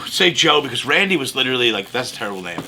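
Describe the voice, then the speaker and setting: A man working as a tattoo artist, chatting casually in an animated, profane, joking way. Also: medium pitch, rapid-fire. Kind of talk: casual comic chat. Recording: faint ambient background noise.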